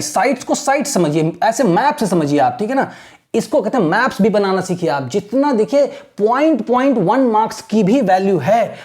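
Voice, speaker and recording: Man teaching slowly with a chatty tilt. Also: high-pitched, a little mellow. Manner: repeats 'thik hai na', slows right down to spell out English words; urging, motivational. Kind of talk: casual spoken lesson.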